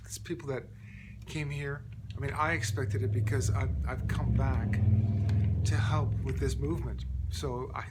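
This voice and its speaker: A man hosting his own channel, talking in a loose, rambling monologue full of restarts and fillers, often clearing his throat. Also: medium pitch, noisy background. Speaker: channel host. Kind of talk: casual monologue.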